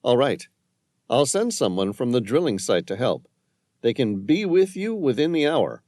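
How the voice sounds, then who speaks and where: A man's voice: medium pitch, sing-song, normal speed, a little mellow, no echo, studio quality, natural voice. A man voicing a cold, calculating male handler in an audiobook, speaking in a cool, clipped, businesslike way. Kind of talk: audiobook narration.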